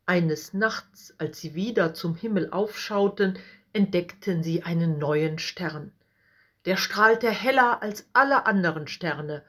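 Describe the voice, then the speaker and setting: A woman reading a storybook aloud in a gentle, measured way. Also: fairly low pitch. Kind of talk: scripted storybook narration.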